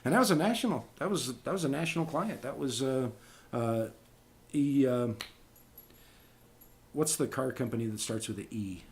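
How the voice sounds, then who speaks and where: A man's voice: mid-range voice, moderate pace. A man hosting a casual talk show, telling voice-acting stories and acting out the quotes. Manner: animated storyteller, acts out quotes. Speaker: podcast host and voice actor. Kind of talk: casual chat.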